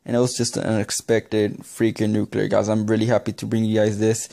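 A young man narrating his own gameplay clip, excitable and rambling, repeating himself as he talks. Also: lowish voice, a little fast, gravelly. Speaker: gaming YouTuber. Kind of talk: gameplay commentary voice-over.

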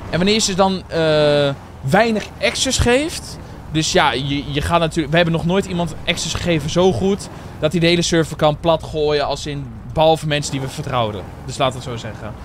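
Chatty young streamer, slightly high voice. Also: male voice, fairly quick, hardly any pauses, a little hiss or hum. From Netherlands. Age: 20s. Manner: chatty, addresses viewers as guys and bro. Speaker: streamer and server owner. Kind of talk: casual live-stream chat while playing.

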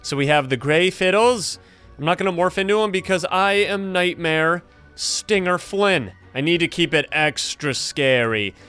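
A young adult man hosting gameplay commentary in an animated, exclaiming way, close on a streaming mic. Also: sits high, a little slow, smooth, faint music behind. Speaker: gaming video host, streamer.

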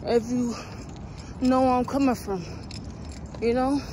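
A woman's voice: high-pitched, fairly even intonation, measured pace, dark tone, a little hiss or hum. A 21-year-old woman from Ohio, a vlogger casually chatting to her viewers in a slangy, talkative way, at work and in her car. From Ohio, USA. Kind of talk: casual vlog chat to viewers.

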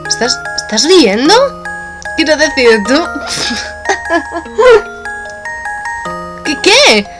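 A woman reading a game's dialogue aloud, voicing each character in turn with playful shifts in pitch. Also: sing-song, unhurried, over music. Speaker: let's play narrator voicing game characters. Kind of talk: dubbing game dialogue aloud.

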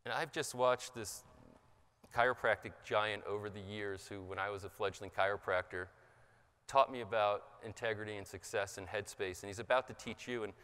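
Bright, impassioned man on a stage. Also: clean tone. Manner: impassioned, rises in pitch for emphasis. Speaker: seminar speaker. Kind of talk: motivational seminar talk. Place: conference hall stage. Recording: large hall with long reverb.

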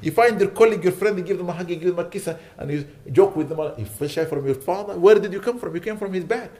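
A man's voice: sits high, quick pace, dark tone. A man delivering a sermon as a sheikh, urging his listeners with repeated rhetorical questions. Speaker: sheikh giving a lecture. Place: lecture hall.

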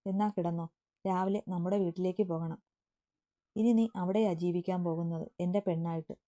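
A woman reading the lines of a tender, devoted young man in a storybook romance, in a soft pleading way. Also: lowish voice, steady tone, normal speed, lightly acted.

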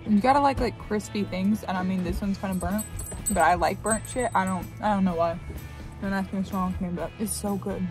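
A woman's voice: medium pitch, brisk, a little mellow, faint music behind. Chatty young woman vlogging from her RV. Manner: chatty, rambling, lots of "like" fillers. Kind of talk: casual vlog chat. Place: inside an RV.

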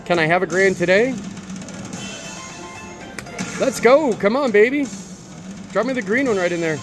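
A high-pitched man narrating his slot play in casual, excitable slang. He coaxes the machine aloud, with clear music playing around him on the casino floor. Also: normal speed. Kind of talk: casual excited gambling chat.

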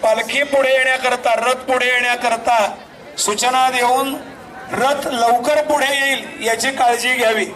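A man announcing instructions over a PA loudspeaker at an outdoor procession, speaking firmly and directing the crowd. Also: extremely high pitch, little pitch movement, a little slow, far from the mic. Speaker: event announcer. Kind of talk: public announcements at a religious procession. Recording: echoey loudspeaker heard from afar, loud crowd and noise.

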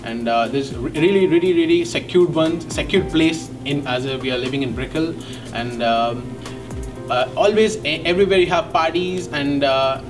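Young man, Indian English accent, halting testimonial, slightly high voice, far-off mic, music behind. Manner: rambling, halting, many fillers. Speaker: graduate student. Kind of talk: testimonial interview. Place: indoor studio set. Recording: distant mic, background music.

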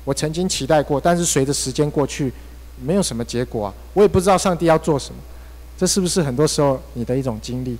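A Taiwanese-accented male pastor preaches through a personal story, his delivery swinging between hushed and emphatic. His voice sits a little high for a man. The church hall adds a long, lingering reverb. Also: fast. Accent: Taiwanese Mandarin. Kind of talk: sermon.

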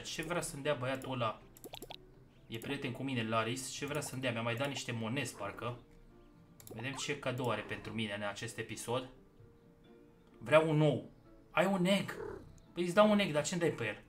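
A man commentating his gameplay casually, his voice pitched a touch high and bright. He swings from loud excited outbursts to quiet muttering. Faint music plays underneath. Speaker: gaming YouTuber.

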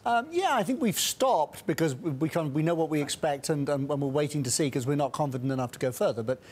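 This middle-aged guest strategist, interviewed in a TV studio on a lapel mic, has a voice on the high side with lively intonation, a slightly mellow tone and a breathy edge. He's brisk but keeps restarting and using fillers.

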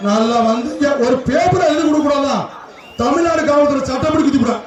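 A man, heard through a loudspeaker, calling out names and shouting warnings as a live event announcer. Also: very high voice, brisk, background noise. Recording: echoey loudspeaker heard from far off with crowd.

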